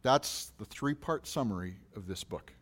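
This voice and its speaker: A pastor preaching a sermon, asking questions in a rising voice and answering them more quietly. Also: male voice, on the low side, expressive, moderate pace.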